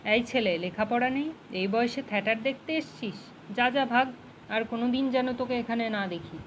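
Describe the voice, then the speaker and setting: A woman's voice: fairly high pitch, normal speed, highs cut off, slight background noise, lightly acted. A woman reading the lines of a stern old man who angrily scolds and shoos a boy away, in a storybook reading. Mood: angry scolding. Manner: angry, shooing.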